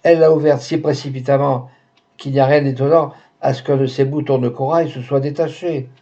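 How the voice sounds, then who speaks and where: A man voicing a talkative young female maid in her twenties, quick to explain herself and shrill with fear when threatened, on a dull lo-fi recording. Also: steady tone, warm tone, close to an everyday voice. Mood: insistent. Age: 20s. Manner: chatty, insistent, shrill when frightened.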